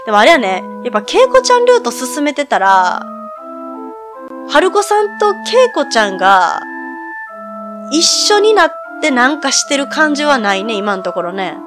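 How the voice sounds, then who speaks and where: A woman with a Kansai accent chats casually as she plays a game, speaking in a fairly high voice and musing aloud to herself. Organ music plays clearly underneath. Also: big pitch swings, normal speed. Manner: chatty, talks to herself, laughs easily. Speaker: game streamer. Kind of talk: casual let's-play commentary.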